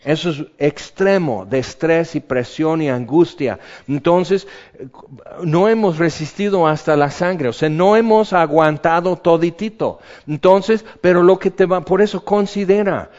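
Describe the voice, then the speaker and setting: A man's voice: fairly high pitch, measured pace, muffled recording. Man preaching a sermon. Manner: shifts between hushed and raised, acts out quoted voices.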